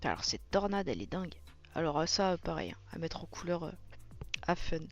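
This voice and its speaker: Her voice is fairly low but swings widely in pitch, and she talks fairly quickly. She hosts a colouring book flip-through with casual, excited commentary and awed exclamations, heard through muffled sound with music behind it.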